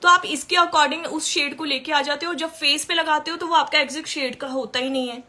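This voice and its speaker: A woman's voice: high voice, steady tone, a little fast, bright, forceful tone. A woman makeup artist teaching makeup in a chatty way during a live-stream tutorial, answering viewer questions as she works.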